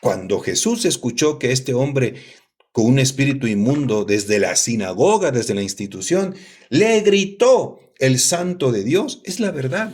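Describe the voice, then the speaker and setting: Guy preaching a homily, husky voice, pushy teacher vibe, keeps repeating himself and asking the crowd stuff. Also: medium pitch. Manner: emphatic teaching, repeats key phrases, asks the listeners questions. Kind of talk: sermon.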